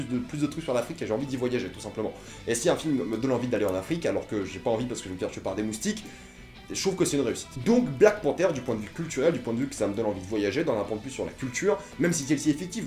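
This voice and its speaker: A man's voice: mid-range voice, a little mellow, echoey room. A young man giving an enthusiastic, casual film review, often stopping to correct himself. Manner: fast, enthusiastic, self-correcting.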